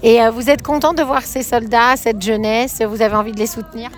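Brisk high-voiced woman reporter. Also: fairly even intonation. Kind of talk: field interview questions.

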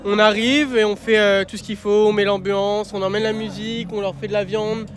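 A man in his twenties, a volunteer, answering a street interview at a barbecue in a relaxed, casual way. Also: sits high, fairly quick. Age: 20s. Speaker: volunteer organizer. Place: outdoors at an evening barbecue.

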